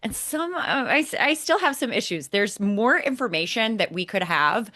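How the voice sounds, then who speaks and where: A woman's slightly high, sing-song voice has a sharp edge and a moderate pace. She co-hosts a motorsport podcast, offering emphatic, critical takes on race coverage and breaking them down point by point.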